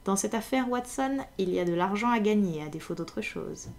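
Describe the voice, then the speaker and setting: A woman reading aloud in French, voicing a sharp, confident male detective with dry irony in her plain own voice. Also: mid-range voice, animated, moderate pace, close to an everyday voice. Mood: assured. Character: sharp, self-assured male detective, middle-aged.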